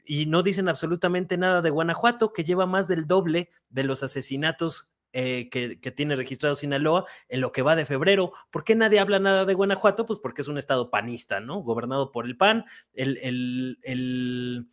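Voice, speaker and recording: A man's voice: a little high, moderate pace, a bit bright. A Mexican man with a slightly raised voice delivers political commentary as a guest journalist. He stammers and restarts often, sprinkling in fillers, while keeping an indignant, critical tone.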